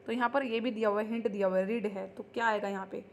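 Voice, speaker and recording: A woman teaching English grammar in an online lesson. She explains in Hindi, reads the English example sentences slowly and keeps checking in with her students. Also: medium pitch, steady tone, a little hiss or hum. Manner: repeats ठीक है as a check-in.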